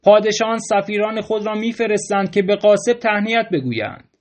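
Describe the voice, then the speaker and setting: A polite yet despairing nobleman who lectures with rising heat, voiced by a man reading aloud. His voice lifts fairly high, and the lines come in an audiobook reading of a storybook. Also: darkish tone, lightly acted. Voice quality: heated, lecturing.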